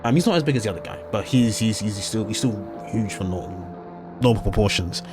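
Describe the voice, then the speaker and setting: A man's voice: on the low side, a little fast, music in the background. A man narrating as game master of a tabletop game, casual and hesitant, full of ums and self-corrections, with frequent swearing.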